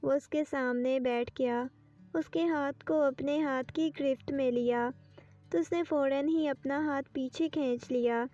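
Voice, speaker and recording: Woman narrating a novel, high voice, mellow tone, steady storytelling, far from the mic. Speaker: audiobook narrator. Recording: distant dull lo-fi with faint music.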